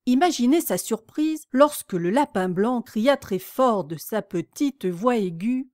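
A woman narrating a children's classic as an audiobook, reading in a clear, measured way. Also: on the high side, lively intonation, darkish tone, no echo, clean studio sound. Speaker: audiobook reader. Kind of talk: storybook narration.

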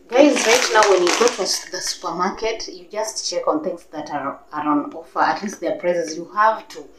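Young woman, Kenyan English accent, lowish voice, chatty vlog, echoey living room, faint hiss. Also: normal speed. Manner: chatty, gestures a lot, many fillers and restarts. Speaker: vlogger. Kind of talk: casual grocery haul chat. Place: living room with a sofa, indoors.

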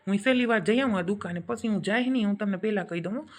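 A woman's voice: medium pitch, racing, background noise, lightly acted. Woman as a whining, put-upon son in a village comedy sketch. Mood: complaining. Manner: complaining, exasperated back-talk. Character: grumbling young married son, put-upon.

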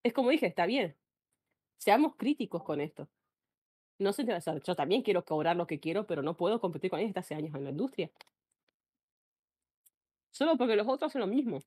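A woman's voice: fairly low pitch, sing-song, a little fast, pauses often, a little mellow, breathy edge, no echo. A woman streamer with an Argentine Spanish accent, ranting bluntly in casual live-stream chat and often cutting herself off mid-sentence. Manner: blunt, ranting, frequent self-interruptions.

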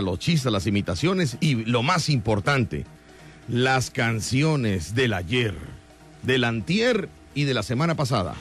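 A man with a Mexican accent hosting morning radio comedy, teasing his co-host and often laughing as he talks. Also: on the high side. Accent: Mexican Spanish. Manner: teasing, laughs through lines, lively. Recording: radio studio with music behind.

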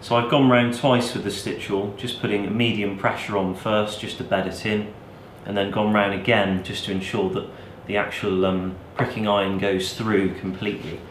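A man in his thirties with a lowish voice talks through a hands-on craft task, relaxed and practical, as if chatting while he works. He is recorded in an echoey workshop with a steady layer of background noise. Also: normal speed, hardly any pauses. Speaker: bushcraft channel host. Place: cluttered indoor workshop.

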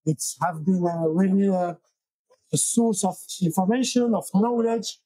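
Belgian-born guy in his 30s, high husky voice, stumbles and restarts a lot, dry lapel mic. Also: dark tone, no echo, rough recording. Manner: halting, many restarts and fillers. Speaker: guest, software engineer and founder. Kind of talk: casual interview. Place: small wood-paneled room, indoors.

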